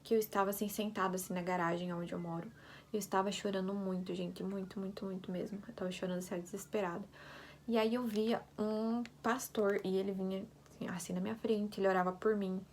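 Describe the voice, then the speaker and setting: Young woman, vlogger, intimate testimony, soft and hushed, faint hiss behind. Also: medium pitch, fairly even intonation, brisk. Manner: soft-spoken, often drops to a near whisper, fillers like "gente" and "sabe". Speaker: vlogger sharing a faith story. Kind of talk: personal testimony, casual storytelling.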